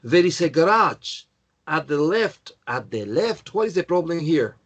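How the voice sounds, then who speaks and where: A man's voice: fairly high pitch, very animated, measured pace. A man teaching an English class, going through answers and correcting students by name in a patient way. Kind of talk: online class, checking answers.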